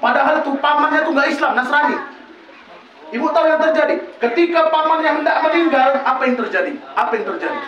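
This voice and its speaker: High-voiced preacher in a booming, echoing hall. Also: male voice, quick pace. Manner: animated, asks and answers rhetorical questions. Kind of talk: lively village sermon. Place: village prayer house. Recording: very echoey room, distant mic, dull.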